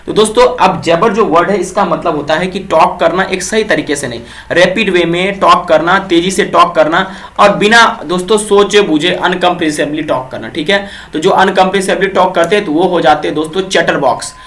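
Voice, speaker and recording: High-voiced man teaching vocabulary, quizzing viewers. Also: normal speed, a bit bright. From Bihar, India. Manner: repeats quiz questions to viewers, fills with "ठीक है". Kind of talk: exam-prep vocabulary lesson.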